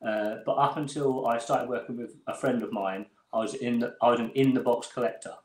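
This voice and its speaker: Southern English guest, casual and rambling, in a reverberant room. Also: male voice, medium pitch, fairly even intonation, fairly quick, darkish tone. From England. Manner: laughing, rambling storyteller. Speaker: guest toy photographer. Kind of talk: casual chat.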